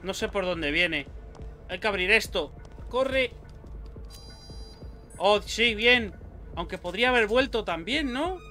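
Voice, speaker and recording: Jumpy Spanish gamer yelping at scares. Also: male voice, high voice, expressive, slow pace, pauses often, bright, forceful tone, faint music behind. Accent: Spain Spanish. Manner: jumpy, swears and yelps at scares. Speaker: gaming YouTuber. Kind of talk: let's play commentary.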